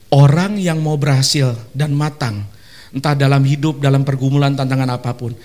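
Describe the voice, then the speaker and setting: A male pastor preaching in a church service, lively and animated, leading the congregation in call-and-response and slipping in playful asides. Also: mid-range voice, moderate pace. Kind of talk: sermon.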